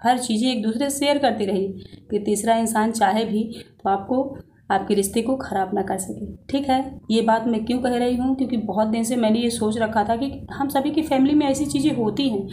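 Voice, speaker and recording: A woman's voice: a little high, brisk, mellow, slight background noise. A woman vlogger talking straight to her viewers in a casual motivational talk, earnest and preachy, asking rhetorical questions as she gives advice, recorded on a phone. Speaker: vlogger giving life advice.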